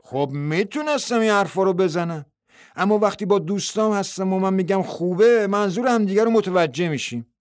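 A man's voice: sits high, lively intonation, no echo, studio quality, pitched above the performer's own voice. A man doing a blunt, defensive husband. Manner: exasperated, plain-spoken.

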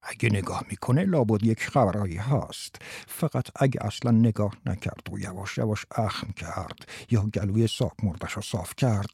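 A man voicing a brash older male tie salesman who lectures a shy boy on selling with quick, lively banter in an audiobook. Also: mid-range voice, no echo, studio quality, natural voice. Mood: hushed prompting. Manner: lively, fast coaching banter. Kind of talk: audiobook character voice.

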